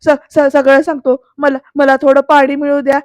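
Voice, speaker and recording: A woman's voice: high voice, level tone, normal speed, no echo, clean studio sound, close to an everyday voice. Scared male servant, read by a female recap narrator: stammering, nervous excuses.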